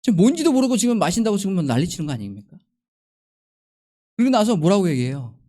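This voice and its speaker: A man's voice: high voice, big pitch swings, quick pace, dark tone. A male pastor preaching a Sunday sermon, asking the congregation many questions and acting out the disciples' and Jesus' words. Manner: acts out quoted speech of disciples and Jesus.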